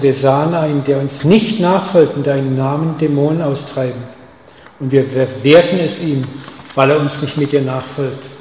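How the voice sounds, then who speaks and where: A man delivers a sermon in a somewhat high voice, addressing his listeners head-on with pointed rhetorical questions. He swings from hushed, intimate lines to loud, stressed ones. The sound carries a long hall reverb over a faint background hum. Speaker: preacher.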